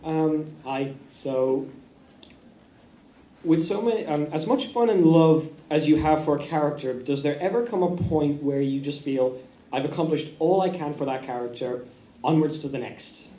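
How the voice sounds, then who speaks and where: A hesitant man asks a question from the audience in a mellow, slightly raised voice. It sounds roomy and echoey. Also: on the high side, moderate pace. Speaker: audience member asking a question. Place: convention panel hall. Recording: echoey hall.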